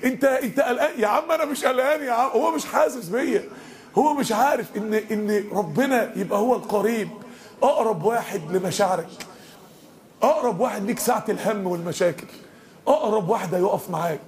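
A man's voice: high-pitched, a little fast. A man with an Egyptian accent giving an impassioned mosque lesson and speaking straight to his listeners. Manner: impassioned, addresses the crowd directly. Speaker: preacher.

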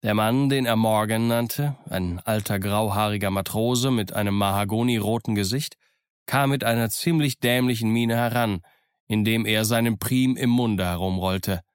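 A man narrating an audiobook in a calm, measured storytelling manner. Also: fairly low pitch, clean tone, no room sound, studio quality. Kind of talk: scripted narration.

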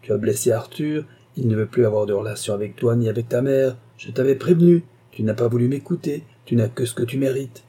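A man voicing an irascible older uncle who shouts and bullies in a storybook reading. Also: medium pitch, a little fast, hardly any pauses, breathy edge, voice pushed up, natural voice. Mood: angry. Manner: shouting, bullying. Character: irascible elderly male uncle, blustering.

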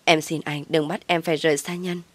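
A woman's voice: low-pitched, little pitch movement, brisk, fairly bright tone, no room sound. A woman voicing a young husband who reproaches his mother and pleads, in storybook narration. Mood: pleading.

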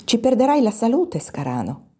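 A woman reading an audiobook and voicing a kind, sensible young schoolgirl in a soft, breathy voice. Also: on the high side, sing-song, normal speed, pitched above the performer's own voice, full character voice. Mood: gentle, caring. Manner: gently compassionate.

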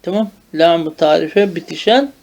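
A man teaches grammar in the old madrasa manner, with a high voice. He speaks slowly and draws out each term. He keeps asking whether the point is understood. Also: vocal fry, a little mellow. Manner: drills terms slowly, asks checking questions. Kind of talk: traditional madrasa-style grammar lesson.

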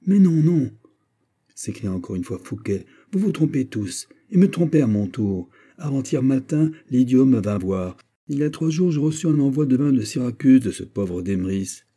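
Haughty minister read by a man; husky, raised voice, indignant declamation. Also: mid-range voice, animated, normal speed, hardly any pauses, warm tone, pitched above the performer's own voice, close to an everyday voice. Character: proud haughty male finance minister, imperious. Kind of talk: audiobook character reading.

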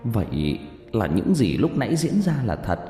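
A male storyteller narrates a ghost story with theatrical flair, his pitch swooping up and down. His voice rings in a roomy reverb. Faint music plays underneath. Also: wildly swooping pitch, moderate pace. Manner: theatrical, swinging pitch and loudness.

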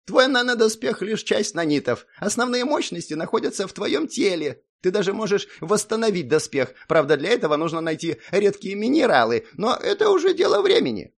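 A man's voice: fairly quick, creaky, hardly any pauses, full character voice. A man doing a grumpy tiny gnome. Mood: smug. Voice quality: high, grumbling, lively. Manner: peevish and condescending.

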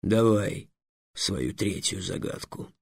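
A man voicing a gloomy, grumbling old male dragon who talks low and slow. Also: expressive, creaky, slightly rough, no echo, exaggerated voice.

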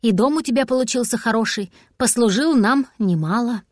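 A woman voicing a clever grown-up male cat who speaks in a hushed, polite but firm way. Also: fairly high pitch, a little fast, no echo, studio quality, lightly acted. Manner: hushed and businesslike.

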